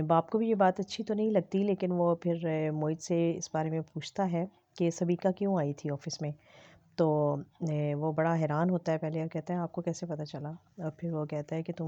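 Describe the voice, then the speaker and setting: A woman recapping a TV drama episode in a casual, unhurried way, often pausing with filler sounds. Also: low voice, dark tone, dull audio. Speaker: drama review presenter.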